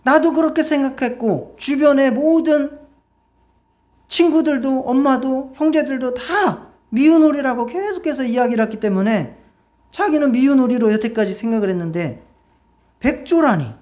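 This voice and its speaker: A woman's voice: high-pitched, moderate pace, a little mellow. A woman pastor preaching in church, telling a story and asking the congregation questions. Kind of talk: sermon with storytelling.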